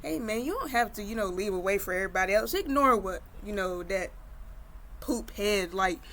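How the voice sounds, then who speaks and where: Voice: medium pitch, lively intonation, moderate pace, bright, forceful tone, slight background noise. A storyteller doing a kind, reassuring friend. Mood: comforting. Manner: reassuring, easygoing.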